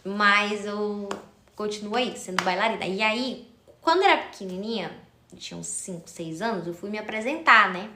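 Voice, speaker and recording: A woman's voice: medium pitch, animated, moderate pace, bright, forceful tone, reverberant, slight background noise. A young adult woman chatting casually on a live stream, telling a childhood story and greeting viewers by name. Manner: chatty, addresses viewers, thanks commenters by name.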